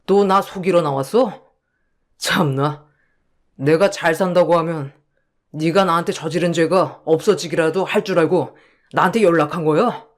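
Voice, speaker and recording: A man playing a gentle husband in a radio drama who coldly rebukes the friend who swindled him. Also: on the high side, moderate pace, lightly acted. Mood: bitter. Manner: bitter, cold, reproachful. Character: kind-hearted husband, finally fed up with a swindler friend.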